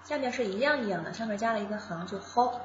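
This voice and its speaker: A woman's voice: mid-range voice, animated, quick pace, echoey room, lo-fi sound, a little hiss or hum. A woman from China teaching a casual beginner lesson, patiently explaining each step and repeating sounds aloud. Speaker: Japanese language teacher.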